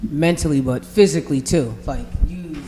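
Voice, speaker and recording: A man's voice: on the high side, moderate pace, dark tone. A man who races bikes, a podcast guest chiming in with supportive remarks. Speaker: bike racer, podcast guest. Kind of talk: casual podcast chat. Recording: reverberant room, faint background hum.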